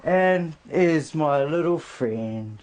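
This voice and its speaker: A man's voice: fairly high pitch, animated, extremely slow, darkish tone. A man with a New Zealand accent chatting in a casual, rambling, emphatic way. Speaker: interviewee showing his home and pets. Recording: noisy amateur on-location video recording.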